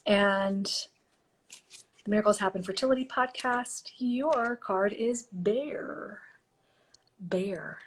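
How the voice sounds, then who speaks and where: Speaking slowly with frequent pauses, this medium-pitched podcast host and intuitive reader chats warmly on a live stream and softly reads out oracle card texts. Her voice is a little hoarse, as if she's losing it, and the sound comes through a phone or computer mic.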